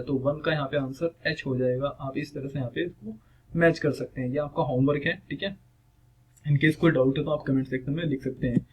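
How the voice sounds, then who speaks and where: Husky man teaching vocabulary. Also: on the high side, muffled recording. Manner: mixes Hindi and English, repeats "theek hai". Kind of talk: vocabulary lesson over slides.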